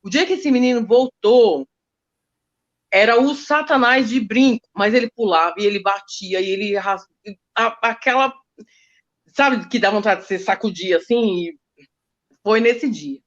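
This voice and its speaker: A woman teacher, recounting school stories in an emotional, animated way. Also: a little high, measured pace, long pauses, lo-fi sound. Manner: emotional, animated retelling with quoted speech. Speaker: teacher guest. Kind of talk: storytelling in a casual interview.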